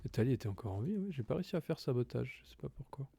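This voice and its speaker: A man's voice: medium pitch, lively intonation, very fast, gravelly, noisy background. A man giving casual, swearing commentary while playing a video game, thinking aloud and praising himself. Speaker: gaming YouTuber. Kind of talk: casual let's-play commentary.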